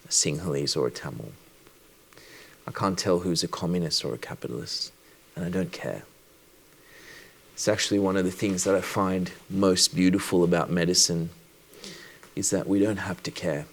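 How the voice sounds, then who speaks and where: With a deep voice, a man from Sri Lanka who practices as a doctor speaks personally at a conference. He takes a reflective, measured approach and pauses on purpose.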